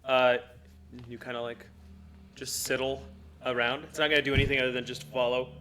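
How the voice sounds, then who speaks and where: A man's voice: medium pitch, level tone, fairly quick, noisy background. A man running a tabletop game as game master, describing scenes in a loose, casual way.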